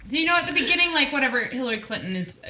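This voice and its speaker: Podcast co-host, woman, bright voice and lively pitch, swears freely while recapping, echoey room sound. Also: rapid-fire. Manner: animated, profane recapping. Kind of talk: casual chat. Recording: roomy echo.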